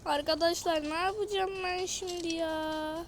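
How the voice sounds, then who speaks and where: High-voiced exasperated young woman gamer. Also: fairly even intonation, unhurried, background noise. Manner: exasperated, frequently complaining to viewers. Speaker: gaming channel host. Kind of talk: casual gameplay commentary. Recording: loud game music behind the voice.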